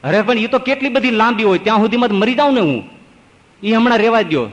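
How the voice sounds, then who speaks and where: A man's voice: high-pitched, animated, fast, voice pushed up. A man voicing a frantic man getting a back tattoo, shrieking panicked protests. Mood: panicky yelling. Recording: long hall reverb.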